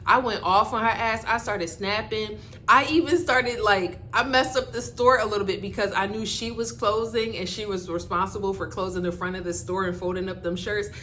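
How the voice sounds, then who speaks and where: A woman with a medium-pitched voice and a Bajan accent that slips in and out of American. She tells stories casually and frankly, acting out quotes with salty, animated wording. A faint low rumble of noise sits behind her. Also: moderate pace. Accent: Bajan, switching with American. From Barbados. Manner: animated, candid, acts out quotes, salty language. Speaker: storyteller vlogger. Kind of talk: casual storytime chat.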